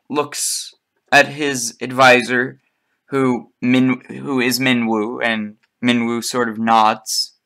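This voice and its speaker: Slow-talking male game master. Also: medium pitch, pushed and bright, clean tone. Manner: slow, halting, with formal king's lines. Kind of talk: narrating a tabletop game over voice chat.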